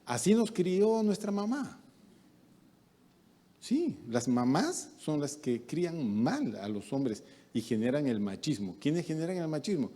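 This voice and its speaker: A middle-aged man, a pastor delivering a sermon who acts out the voices he quotes. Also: a little slow. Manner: lively, acts out quoted voices with big pitch jumps.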